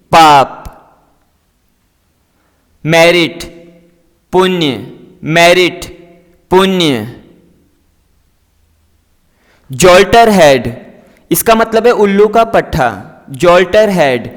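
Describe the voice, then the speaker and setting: A man's voice: high voice, animated, drawn-out words, long pauses, in a large hall. A man teaching English vocabulary, saying each word and its meaning twice in a patient, explanatory drill. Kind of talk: slow vocabulary drill lesson.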